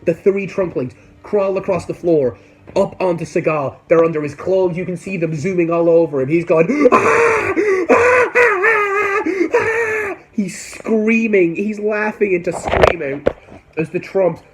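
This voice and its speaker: A man on a comedic storytelling vlog, swinging between excited yelps and mock-solemn mutters as he recounts an absurd saga. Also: sits high, moderate pace, very noisy. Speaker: YouTuber.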